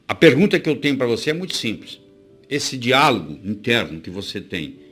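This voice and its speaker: A man's voice: mid-range voice, big pitch swings, a little fast, fairly bright tone, slightly rough, soft background music. A man with a Brazilian accent giving a motivational talk, speaking straight to the viewer and asking rhetorical questions. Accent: Brazilian Portuguese.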